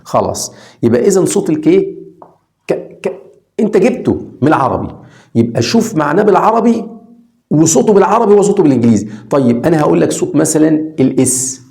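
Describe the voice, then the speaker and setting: A man with an Egyptian Arabic accent teaching English to beginners online, asking rhetorical questions and sounding out letters slowly. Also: a little high, very animated, creaky, warm tone. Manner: asks rhetorical questions and answers them.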